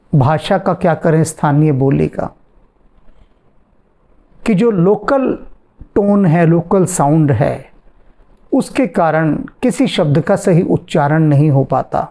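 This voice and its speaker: A man teaches in a devotional question-and-answer talk, taking his time over every phrase. His voice sits a little high but sounds dark and mellow, with a gravelly texture. He circles back to the same words again and again to drive the point home. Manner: slow, deliberate explaining, repeats phrases for emphasis. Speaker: spiritual teacher.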